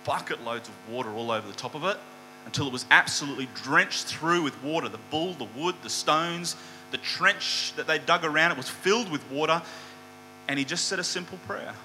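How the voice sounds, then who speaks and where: A man preaching a sermon in a very bright, crisp-edged voice, retelling a story with lively quoted lines. His voice rings out with a long hall reverb, and a faint mains hum sits underneath. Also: mid-range voice, a little fast.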